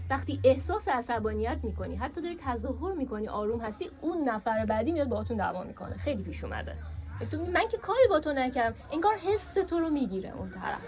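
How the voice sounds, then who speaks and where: A woman teaching a workshop class in a classroom, lively and asking her students questions. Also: on the high side.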